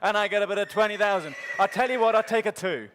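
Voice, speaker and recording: A man's voice: high-pitched, fast talker, a bit bright, slight background noise. A man working as an auctioneer at a live sale, calling bids in a rhythmic, repetitive chant. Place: large sale arena. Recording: hall reverb from sale ring PA.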